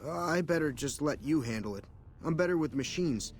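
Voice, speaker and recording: A man's voice: fairly high pitch, animated, brisk, a little hiss or hum. An actor playing a shy, awkward male mechanic in a video game, bashful and hesitant. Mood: bashful, nervous. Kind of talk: video game character dialogue.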